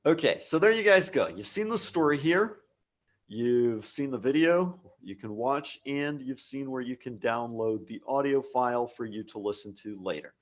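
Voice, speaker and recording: An American man teaches a live English lesson online from a home office abroad. His mid-range voice is animated and moderately paced, and he speaks patiently, repeating key words for his learners.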